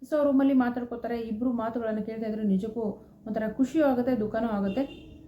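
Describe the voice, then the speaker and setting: A woman's voice: on the high side, steady tone, fairly quick. A woman casually retelling a TV serial episode, chatty, with frequent filler sounds. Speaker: serial recap narrator. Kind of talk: casual storytelling recap. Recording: roomy, slightly dull home recording.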